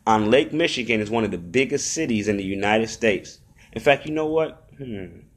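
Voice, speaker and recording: Male podcast host, lowish register, top-countdown announcer delivery, formulaic phrasing, familiar address to listeners. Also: expressive, normal speed. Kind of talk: top twenty countdown rundown of crypto market prices.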